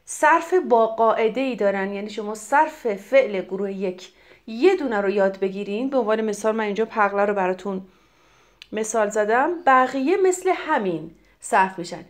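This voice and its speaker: A middle-aged woman from Iran teaching French grammar, explaining in Persian and reading French examples slowly and clearly. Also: mid-range voice, lively intonation. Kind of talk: grammar lesson.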